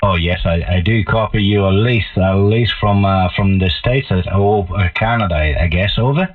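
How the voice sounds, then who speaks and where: A man with an Italian accent talking as an amateur radio operator over a radio link, in halting phrases with many pauses. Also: lowish voice, background noise. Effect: radio transmission. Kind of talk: ham radio contact talk. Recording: tinny narrow-band radio sound.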